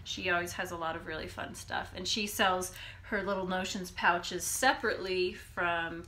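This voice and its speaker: A woman co-hosts a casual podcast recorded on a phone in a room at home. Her voice is low-ish, nasal, bright and forceful, with fairly even intonation at a normal speed, and she chats easily and laughs often.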